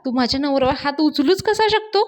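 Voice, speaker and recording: A woman's voice: high voice, expressive, fast talker, pitched above the performer's own voice. A woman voicing a hot-tempered, pushy young woman, scolding and demanding in a slightly raised voice. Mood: angry.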